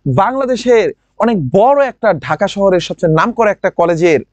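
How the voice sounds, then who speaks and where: A man with a regional Bangladeshi lilt teaching a grammar class online. He drills words by saying them slowly again and again and keeps asking his students questions. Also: sits high, expressive, a little mellow, no echo, lo-fi sound. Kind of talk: online admission-prep class.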